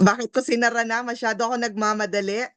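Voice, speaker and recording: A woman's voice: on the high side, fairly bright tone, no echo. A Filipino woman with a Filipino accent coaching an online review class, encouraging, mixing Filipino and English and often ending with tag questions.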